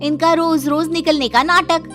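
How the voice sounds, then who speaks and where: Nosy young cartoon daughter-in-law played by a woman, complaining tone, bright high voice. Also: fairly even intonation, moderate pace, faint music behind. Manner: prying, complaining tone. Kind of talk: cartoon voice acting.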